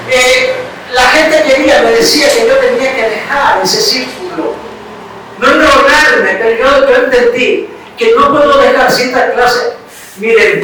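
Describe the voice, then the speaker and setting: A man's voice: high-pitched, fairly bright tone. A man with an Ecuadorian accent preaching a sermon, telling a personal story and checking in with his listeners with little questions. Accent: Ecuadorian Spanish. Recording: very echoey room, mic far off, faint hiss.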